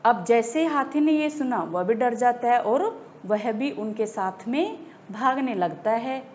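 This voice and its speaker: Woman teacher telling a kids story, keeps quizzing the class, slow and kinda high voice, dull lo-fi audio. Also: animated, darkish tone, a little hiss or hum. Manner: asks pupils questions and repeats points. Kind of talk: storytelling lesson for children.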